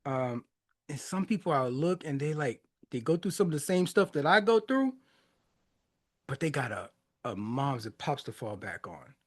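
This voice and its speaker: Laughing often, a man in his forties hosts a music reaction podcast, speaking casually and reflectively. Born in Haiti and raised in the United States, he talks loosely with frequent restarts and fillers. His mid-range voice is sing-song and moderately paced.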